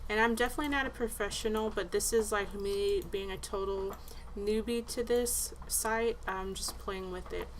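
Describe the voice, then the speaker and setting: A woman's voice: mid-range voice, fairly even intonation, normal speed. A woman vlogger talking casually and informally as she explains what she is doing. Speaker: vlogger and candle maker. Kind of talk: casual vlog chat and tutorial. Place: indoors at home. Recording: faintly noisy home recording.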